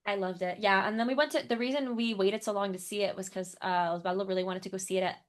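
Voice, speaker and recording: A woman's voice: mid-range voice, fast. Chatty young woman podcast co-host. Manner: animated, rambling, laughs often. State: recovering from illness. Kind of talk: casual chat.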